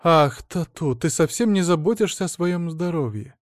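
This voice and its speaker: A man reading an audiobook, voicing a gentle female angel in a dream who talks in a soft, cooing way. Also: on the high side, expressive, moderate pace, no echo, studio quality, pitched above the performer's own voice, lightly acted. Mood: tender.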